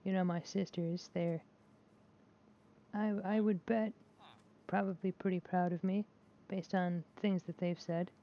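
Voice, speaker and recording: A gaming vlogger with a fairly low voice speaks a little slowly in a level tone. Her casual commentary while playing is rambling and hesitant, riddled with restarts and fillers, candid and self-deprecating, and the lo-fi mic is dull with faint noise.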